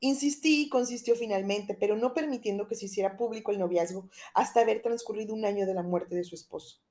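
A woman reading as a nervous gentleman in confidence. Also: quick pace, lightly acted. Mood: confiding. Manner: urgent, confiding, lowered voice. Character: anxious middle-aged man, a troubled country gentleman. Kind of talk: audiobook reading.

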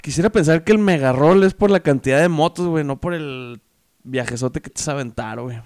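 A man's voice: a little high, fairly quick, darkish tone, no echo, clean studio sound. A man with a northern Mexican accent chatting casually in slang as a podcast co-host. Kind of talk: casual chat.

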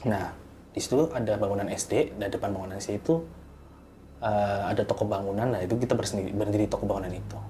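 A man casually telling a horror story as a guest, growing animated at tense moments. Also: fast talker, slight background noise. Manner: animated, rising in pitch and volume at tense moments.

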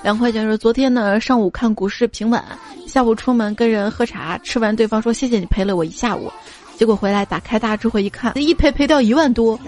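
Chatty woman host reading funny listener stories, kinda high voice, light music behind. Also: fairly quick, hardly any pauses, a little mellow. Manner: chatty, playful, acts out quoted lines. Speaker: comedy podcast host. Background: faint background music.

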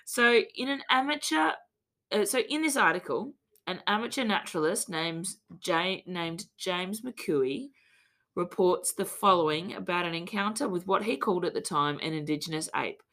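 A woman's voice: on the low side, lively intonation, normal speed, a bit bright. An Australian woman hosting a podcast, talking in a chatty, jokey way and swearing freely. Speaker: podcast host. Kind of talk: casual chat.

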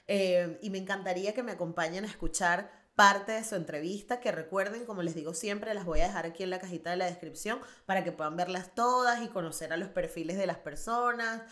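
A woman hosting a podcast, speaking earnestly and in a somewhat low voice. She repeats and restarts phrases as she reflects, then turns to interviewing her guest. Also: a bit bright. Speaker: podcast host.

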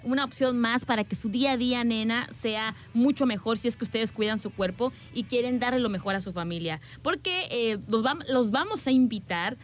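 Woman radio co-host, rather high voice, joking sidekick energy. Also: brisk, few pauses. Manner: playful, chimes in with jokes. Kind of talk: casual radio chat.

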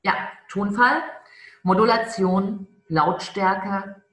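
A woman coaching on charisma in a conversational interview, emphatic and stretching key words slowly. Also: medium pitch, a bit bright, roomy sound.

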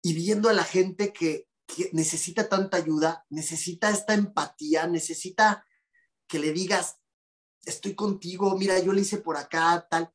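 Animated Mexican man telling a story. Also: high voice, normal speed. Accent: Mexican Spanish. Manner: animated and indignant, acts out quoted dialogue. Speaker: podcast guest, clinical psychologist. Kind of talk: conversational storytelling.

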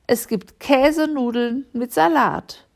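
A woman's voice: high-pitched, takes it slowly, pitched above the performer's own voice. A woman voicing an eager young schoolgirl in a children's storybook reading. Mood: friendly. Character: bossy then kind young schoolgirl.

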